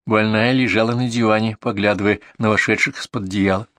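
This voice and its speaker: A man narrating an audiobook in an even, descriptive reading style. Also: fairly low pitch, fairly quick. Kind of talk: scripted narration.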